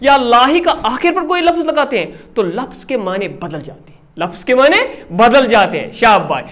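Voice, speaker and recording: A man's voice: very high voice, fairly bright tone. A male teacher giving a classroom lesson, repeating key words, quizzing his pupils and praising them often.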